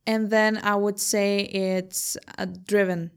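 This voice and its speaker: A young woman from Lithuania, an entrepreneur, answering interview questions in a measured, thoughtful way and laughing easily. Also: medium pitch, little pitch movement, clear, resonant tone.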